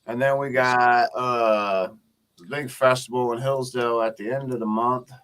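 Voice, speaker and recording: A male hip-hop artist guest on a podcast, speaking in a laid-back, slangy, swearing way. His voice is bright and forceful at a middle pitch. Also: steady tone, normal speed, clear, resonant tone. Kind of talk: casual podcast chat.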